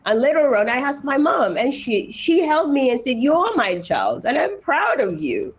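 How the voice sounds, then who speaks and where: High and sing-song at a normal speed, this is a Nigerian-accented woman in her thirties from Nigeria, sharing her life story earnestly in an interview. She stresses her points and repeats phrases for emphasis.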